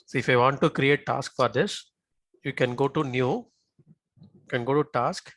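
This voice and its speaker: During a live software tutorial, a male instructor speaks at a medium pitch and a moderate pace. He frequently checks in with learners using short tag questions.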